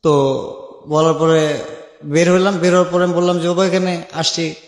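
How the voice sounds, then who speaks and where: At a moderate pace and with flat delivery, a man with a slightly high voice and a Bangladeshi accent chats through a story from his life. He voices remembered exchanges as he goes, and the recording is heavy with long, echoing reverb.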